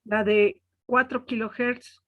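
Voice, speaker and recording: A woman's voice: fairly high pitch, little pitch movement, takes it slowly, narrow, tinny audio. A woman teaching an online class, explaining step by step and often asking "¿sí?" to check on her students. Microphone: webcam.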